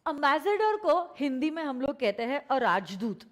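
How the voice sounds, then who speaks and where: A woman's voice: sits high, very animated, moderate pace. An Indian woman teaching law in a live online lecture. She mixes Hindi and English, repeats key phrases for emphasis, and puts questions to her students. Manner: addresses students directly, asks them questions.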